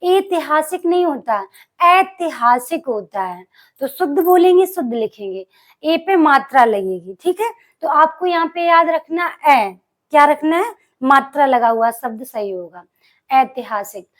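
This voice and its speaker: Woman, high voice, teacher, exam-prep spelling lesson, quizzes the class and answers herself, drags out key words slowly. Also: expressive. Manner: asks the class questions and answers them herself.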